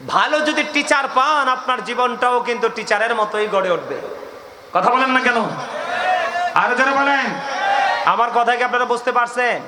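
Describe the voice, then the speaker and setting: Male preacher, high and emphatic, calls on the crowd; echoey sermon recording with noise behind. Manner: call-and-response, prompting the crowd to answer. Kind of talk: Bengali waz sermon.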